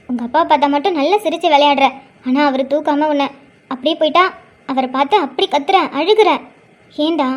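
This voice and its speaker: A woman's voice: high-pitched, close to an everyday voice. A woman voicing a hurt young mother who speaks emotionally and tearfully but stands firm. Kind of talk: cartoon drama voice acting.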